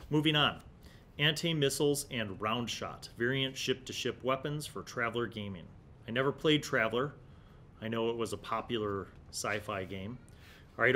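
Leafing through an old magazine, a fortysomething American man gives laid-back, nostalgic commentary for a retro gaming review. A large desk condenser mic in a small studio room captures him clearly, along with some low rumble and noise.

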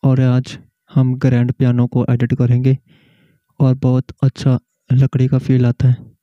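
A man hosting a keyboard tutorial, slowly explaining each setting step by step. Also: medium pitch, completely flat delivery, no room sound. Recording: muffled, slightly lo-fi audio.

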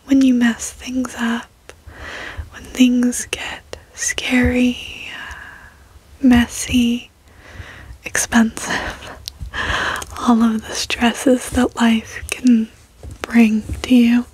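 A young adult woman gives a reassuring ASMR pep talk in a soft, breathy whisper, close to a desk microphone in a bedroom. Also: a little high, poor audio. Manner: slow, reassuring, gentle encouragement. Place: bedroom, indoors.

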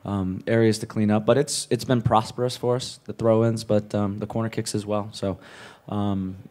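A man, a head coach, answering post-match press questions in a measured way, often repeating words as he thinks, speaking into a table mic in a press room. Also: lowish voice, level tone, darkish tone. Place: press room with a sponsor backdrop. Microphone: table mic on a stand.

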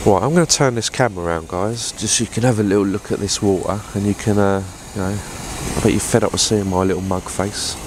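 A man's voice: on the low side, fast talker, hardly any pauses, slight background noise. A man, chatting casually to camera in a fishing vlog, rambling with fillers and restarts, recorded on a lapel mic inside a tent. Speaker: fishing vlogger. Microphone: clip-on lapel mic.

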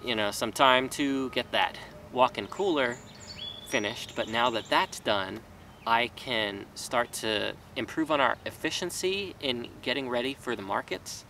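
Out in a vegetable garden, a small farmer in his thirties records a relaxed talking-head vlog, meandering with fillers and restarts. His medium-pitched voice is creaky with a sharp tone and a slightly slow pace. Because the camera mic stands a few feet back, the audio sounds distant with faint outdoor noise.

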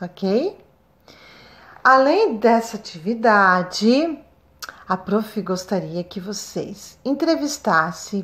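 A woman with a Brazilian Portuguese accent, a first-grade teacher recording a remote lesson, speaking slowly and stretching out syllables for young children. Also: medium pitch, fairly bright tone. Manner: slow, sing-song, stretches syllables for children.

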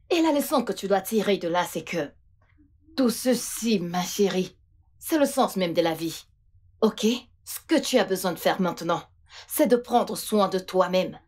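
A warm-hearted friend in a dubbed film, calming and gently advising. Her mid-range voice is slightly husky. Faint music plays behind. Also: mid-range voice. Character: kind caring friend, calm and reassuring. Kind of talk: French film dub.

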